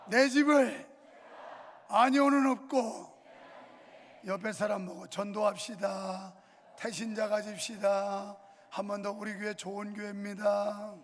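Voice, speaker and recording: An older male pastor preaches with a high, gravelly, husky voice that mixes jokes with fervent calls to the congregation. His words ring out through a large church sanctuary with a long reverb trailing behind them. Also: slight background noise. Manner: joking, then fervent exhorting. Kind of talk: sermon.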